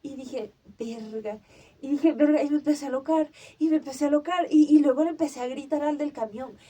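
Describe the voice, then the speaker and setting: High, mellow young woman. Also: steady tone, quick pace. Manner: vivid re-enactment, acting out her own cries and shouts. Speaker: podcast host. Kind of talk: casual storytelling chat.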